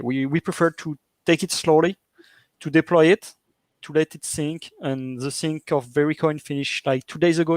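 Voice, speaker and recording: A man, a developer, explaining on a video call in a halting way that repeats words. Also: a little high, dry recording. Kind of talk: casual video call chat.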